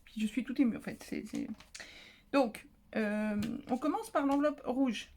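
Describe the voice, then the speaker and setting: Opening craft mail at home, a woman chats to her vlog audience, easily moved and exclaiming often. She speaks unhurriedly in an expressive, slightly mellow voice pitched on the high side.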